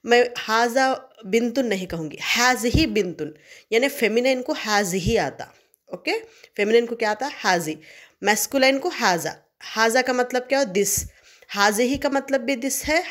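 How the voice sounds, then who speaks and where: A female teacher with a slightly high voice walks her students through an exam revision lesson step by step. She poses questions, answers them herself, and often checks in with "okay?".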